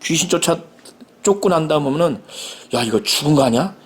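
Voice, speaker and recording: A middle-aged man preaches with fervor in a fairly high voice. His pitch swings widely from line to line, and he briefly takes on the voices of the people in the story. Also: lively intonation, brisk, slightly rough. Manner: impassioned, acts out Jesus and the father in quoted lines. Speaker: pastor. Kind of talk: sermon.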